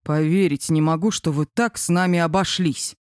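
A man's voice: on the high side, steady tone, normal speed, smooth, no echo, natural voice. A woman voicing a brash, cheeky male office coworker in an audiobook. He teases in a raised voice. The recording is dry and close. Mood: indignant. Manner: cheeky, teasing. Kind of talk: audiobook character reading.

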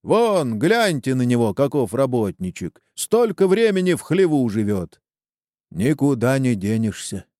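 A man's voice: mid-range voice, very animated, a little slow, darkish tone, dry recording, clean studio sound. A man voicing a weary, indebted peasant farmer who talks in a rueful, plain-spoken way, in a storybook reading.

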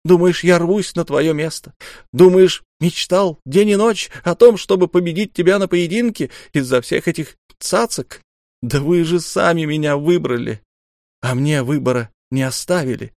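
A man's voice: fairly high pitch, normal speed, darkish tone, no echo, clean studio sound, pitched above the performer's own voice, lightly acted. A man voicing a proud, desperate young noble duelist, pleading in heated, raised outbursts.

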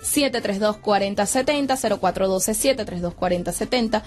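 A woman with a Venezuelan accent hosting a radio show, reading news and giving contact details in a brisk announcer's manner. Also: mid-range voice, soft background music.

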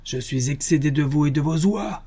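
A man's voice: on the high side, expressive, moderate pace, warm tone, voice pushed up. A man voicing a blustering poultry dealer. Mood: furious. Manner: gruff, blustering. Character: angry burly male poultry dealer. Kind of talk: audiobook reading.

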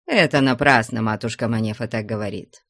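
A woman's voice: extremely low pitch, fairly quick, fairly bright tone, dry recording, clean studio sound, exaggerated voice. A woman voicing a polite, modest middle-aged man visiting a convent. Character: middle-aged male guest, polite and easygoing.

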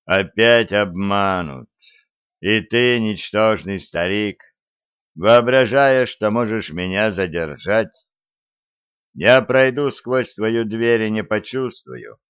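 A man doing a cold, slow otherworldly stranger. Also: fairly low pitch, clear, resonant tone, dry recording. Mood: menacing. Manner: slow, quiet and measured. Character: cold, eerie male visitor from space. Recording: dry, slightly dull audiobook recording.

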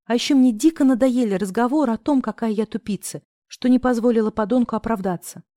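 A woman narrating a novel in the first person, expressive and acting out the other characters' lines. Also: fairly high pitch, fast talker, no echo, studio quality. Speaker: audiobook narrator.

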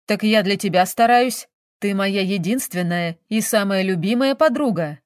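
A woman's voice: medium pitch, moderate pace, no echo, clean studio sound, close to an everyday voice. Woman reading as a whiny, wheedling detective. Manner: pleading, wheedling. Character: whiny playful grown man, a detective.

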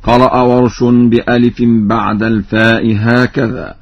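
A man, a Quran reading scholar, giving a radio lesson on recitation variants, explaining plainly and then chanting verse examples slowly. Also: medium pitch, little pitch movement. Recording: dull lo-fi radio recording.

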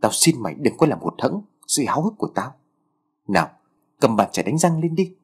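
Man reading an eager boy, impatient, pushes his lazy friend, husky voice with lively swings. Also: medium pitch, fairly quick. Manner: urgent, impatient pleading. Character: excitable eager teenage boy, pushy.

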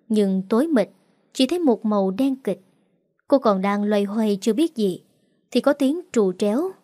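A woman narrates a dramatic tale in a steady storytelling way. Her voice sits fairly high, and the sound is dry with no room. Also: no echo.

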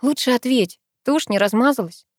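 A woman voicing a sassy, quick-tempered teenage girl in an audiobook, with snappy, mock-stern lines. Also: fairly high pitch, no room sound, studio quality, pitched above the performer's own voice, lightly acted.

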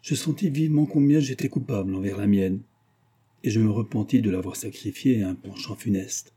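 A man voicing a ruined, desperate old gambler who pleads and then confesses gravely, in an audiobook reading. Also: fairly low pitch, a little fast, warm tone.

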